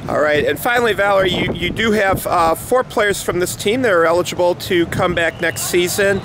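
A man's voice: sits high, normal speed, noisy background. A man interviewing a tennis coach after a match, asking questions with frequent hesitations, recorded outdoors off camera. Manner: hesitant, many uhs. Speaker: sports interviewer. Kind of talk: postgame interview.

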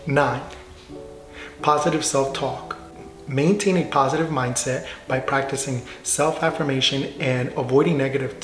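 Man reading off a list of tips, sounds echoey, little bit of music behind. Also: mid-range voice. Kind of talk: scripted read-aloud narration. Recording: roomy echo with soft music.

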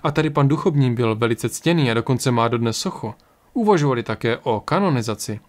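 A man voicing a calm, stern, mysterious card reader who speaks gravely and evenly. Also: medium pitch, close to an everyday voice.

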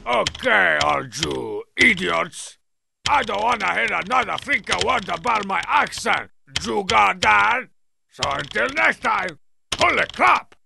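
A man voicing a brash, boastful masked male wrestler in a cartoon, gruff and gravelly, swaggering and sarcastic. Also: high-pitched, big pitch swings, unhurried, background noise, full character voice. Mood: grumbling. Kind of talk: cartoon email-answering monologue.

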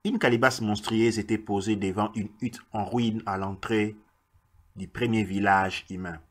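A man, a radio host who reads a story aloud in a slow, deliberate way and sometimes stops to restart a phrase. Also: lowish voice, fairly even intonation. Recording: loud hiss, radio broadcast.

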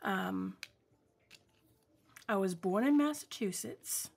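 Under an overhead camera that shows only her hands, a New England craft vlogger in her forties rambles warmly through a casual craft-along at home, saying um often. Her medium-pitched voice is animated yet slow, gravelly and husky.

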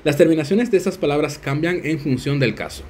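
A man casually hosting a language lesson, chatty and self-deprecating, slowly sounding out foreign words. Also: on the high side, lively intonation, a little mellow, slight background noise. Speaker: language learner and video host.

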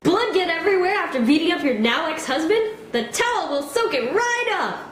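A young woman playing a pushy, excitable infomercial pitchwoman in a parody ad. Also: moderate pace. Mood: peppy salesmanship. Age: young adult. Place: office-like indoor room. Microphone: camera across the room. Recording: roomy indoor echo, background noise.

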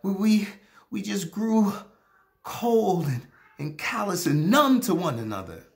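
A man acts out an anguished middle-aged husband in a theatrical monologue. He is a hammy stage performer, slow and emphatic, with long pauses. His pitch swings widely as he pleads over a broken marriage. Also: sing-song, vocal fry, full character voice. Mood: searching, wounded. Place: small plain room indoors.

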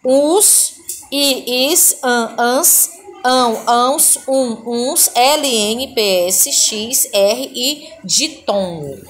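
A woman's voice: a little high, drawn-out words, a little hiss or hum. A Brazilian woman teaching a recorded primary school Portuguese class. She reads word lists aloud patiently and keeps checking in with her pupils. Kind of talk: recorded online class walkthrough.

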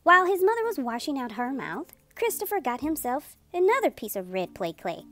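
A storytelling host reads a picture book aloud to children, using expressive, drawn-out playful emphasis. Her voice sits high, and soft music plays in the background.

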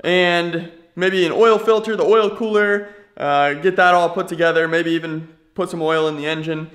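A man's voice: high voice, fairly even intonation, moderate pace, a bit bright. A man casually vlogging a car build from his home garage, laid-back and slangy, thinking aloud with easy fillers. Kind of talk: casual chat to camera.

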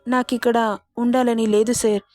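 A proud young heroine, deeply wounded yet standing her ground with earnest defiance, as a woman storyteller voices her. The voice sits fairly high and is recorded dry and close, with no room sound. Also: flat delivery, moderate pace, warm tone, no echo, faint music behind, lightly acted. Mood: pleading. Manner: pleading then defiant, earnest.

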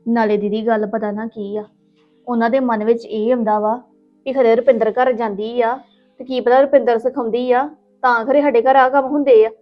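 Patient, soft-spoken young wife with a Punjabi accent, played by a woman. Slightly high pitch, muffled recording with faint music. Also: steady tone, normal speed, lightly acted. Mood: conciliatory. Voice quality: soft, soothing, polite. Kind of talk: village family drama acting. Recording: dull lo-fi with music.

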